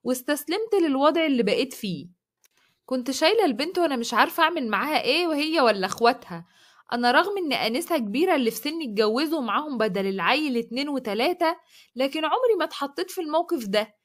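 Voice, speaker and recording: Fast-talking Egyptian woman narrator. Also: high voice, expressive. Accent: Egyptian Arabic. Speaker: storytelling channel narrator. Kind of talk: first-person story narration.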